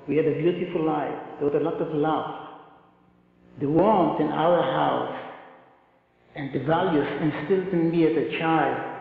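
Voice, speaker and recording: A man's voice: fairly high pitch, vocal fry. An older man from Poland with a Polish accent, giving an earnest, plain-spoken survivor testimony at a podium in a large auditorium. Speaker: Holocaust survivor speaker. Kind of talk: testimony talk. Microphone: podium mic, far camera. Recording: echoey hall, lo-fi camcorder sound.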